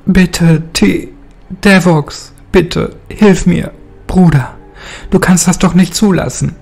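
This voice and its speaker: A man's voice: high voice, steady tone, takes it slowly, vocal fry, darkish tone, breathy edge, faint music behind, voice pushed up, exaggerated voice. A man voicing a terrified young man who begs his brother for help in a horror story reading. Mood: pleading.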